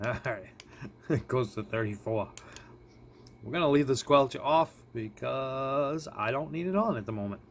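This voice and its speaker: A man demonstrates a gadget hands-on as a product reviewer, casual and chuckling as he thinks aloud. His mid-range voice has lively intonation, a slightly slow pace and frequent pauses. It was recorded indoors, with clear background noise.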